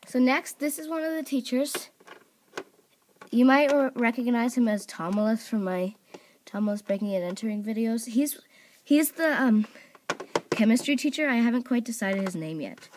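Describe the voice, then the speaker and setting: Her voice is on the high side and darkish, at a normal speed, as she casually presents toy characters from off-camera for her channel's voice auditions, the toys resting on a table in her home. She rambles with lots of "um" and "like" and keeps correcting herself. The phone or camera mic picks up a little hiss or hum.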